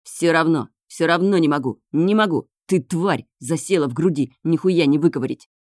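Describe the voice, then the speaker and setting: A woman reading aloud voices an obsessive, menacing young man who snarls, swears and bursts into shouting. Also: low voice, moderate pace, dry recording, clean studio sound. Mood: raging.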